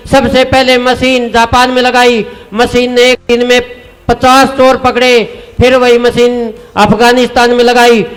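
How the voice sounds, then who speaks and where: A man's voice: very high-pitched, a bit bright. A man reciting comic verse on stage at a poetry gathering, addressing the audience with rhyming punchlines. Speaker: stage comedy poet. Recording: long hall reverb, faint music.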